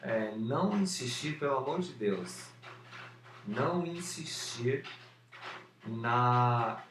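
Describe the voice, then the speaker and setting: A man speaks slowly and deliberately to a camera, now and then repeating a syllable and leaning on fillers. His voice sits some way from the mic in a roomy indoor space. A faint hum of outside noise runs underneath. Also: medium pitch, lively intonation, distant mic. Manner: slow, with occasional repeated syllables and many fillers. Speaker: former stutterer sharing his method. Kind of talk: unscripted talk to camera. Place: indoor room with an open window and street noise.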